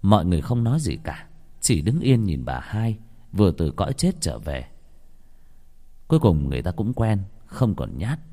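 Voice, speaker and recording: A man tells a ghost story in a low, lively voice that rises and dips expressively. A long hall-like reverb hangs behind every line. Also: normal speed. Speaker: narrator. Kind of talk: scripted horror story narration.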